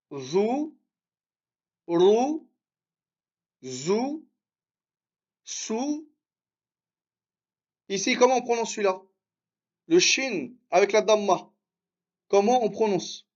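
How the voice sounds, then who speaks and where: A man teaching Arabic reading in a live online lesson, encouraging his students and drilling syllables slowly with much repetition. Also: high voice, expressive, lo-fi sound.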